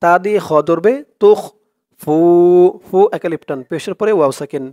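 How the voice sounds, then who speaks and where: A man teaching Quran reading in a slow step-by-step lesson, breaking words into syllables and then chanting them drawn out and louder. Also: on the high side.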